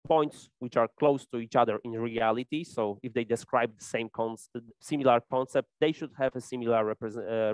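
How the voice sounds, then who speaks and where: A man presenting a technical talk at a conference, pausing often with fillers and restarting his sentences. His voice is smooth and resonant, and it sounds dry, with no room echo. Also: medium pitch. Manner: hesitant, many fillers and restarts. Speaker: conference speaker. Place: conference hall.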